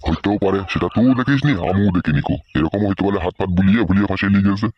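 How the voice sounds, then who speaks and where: A man's voice: sits low, animated, racing, a little hiss or hum. A man voicing a rambling, coarse older village uncle in a comedy cartoon. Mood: advising. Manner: rambling, coarse rustic talk. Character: older village uncle giving crude advice. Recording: dull, dry lo-fi recording.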